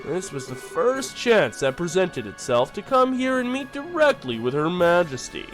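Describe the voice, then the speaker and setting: A man voicing a calculating middle-aged imperial chancellor who speaks in a measured, formal way. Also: sits high, big pitch swings, soft background music, poor audio. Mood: smooth formal.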